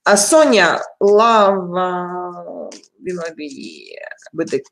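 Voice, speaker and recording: A native Russian speaker with a Russian accent chats casually on a live stream as a tarot reader, laughing often and greeting viewers by name. Her voice is fairly low and fairly bright, animated yet very slow.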